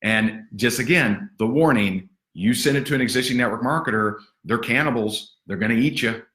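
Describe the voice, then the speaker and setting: A man's voice: mid-range voice, moderate pace, fairly bright tone, roomy sound. Punchy sarcastic male sales trainer. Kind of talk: livestream training talk.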